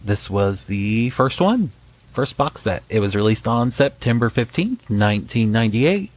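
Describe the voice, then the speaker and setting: A man's voice: medium pitch, very animated, measured pace. A man co-hosting a podcast, chatting casually and joking about a TV show, with plenty of fillers. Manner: laid-back, jokey, trails off in fillers. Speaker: podcast co-host.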